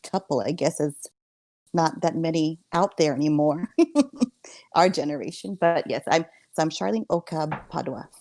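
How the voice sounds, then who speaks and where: A young woman guest chats in a friendly, giggly way, and her voice sits low for a woman. The recording is dry and close, with no room sound around her. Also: normal speed, a little mellow, dry recording. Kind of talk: casual chat.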